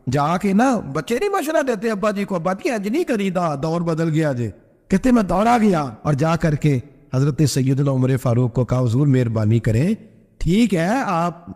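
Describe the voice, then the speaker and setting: Impassioned preacher in echoing hall. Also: male voice. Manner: impassioned, acts out dialogue with sharp pitch swings. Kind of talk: Urdu religious sermon with storytelling.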